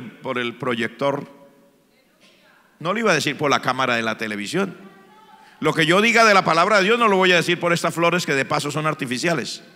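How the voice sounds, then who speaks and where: A man preaching a sermon as pastor of a church, building from calm passages to fervent shouted appeals. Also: fairly high pitch. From Colombia. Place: church sanctuary. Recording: long church hall reverb.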